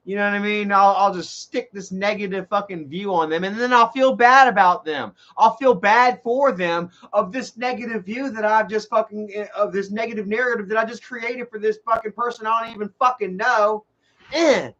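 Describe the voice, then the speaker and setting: A man talks loosely to viewers on a live stream, cursing freely and circling back over his own sentences. His voice sits a little high for a man. The audio is dull and lo-fi. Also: fairly even intonation, normal speed, hardly any pauses, fairly bright tone. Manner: rambling, profane, restarts sentences. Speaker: livestream host. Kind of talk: rambling live-stream chat.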